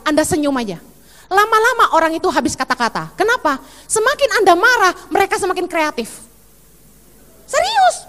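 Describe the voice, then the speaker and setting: Middle-aged female pastor, lively preaching with a high voice, reverberant hall sound. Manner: animated, acts out quoted voices. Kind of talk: sermon.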